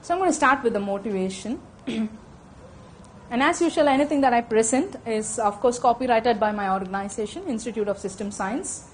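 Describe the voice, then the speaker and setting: In a conference room full of listeners, a middle-aged Indian-accented woman gives a rapid technical talk over a handheld microphone. She keeps pausing to ask "okay?", her voice a little high, with faint hiss or hum in the background.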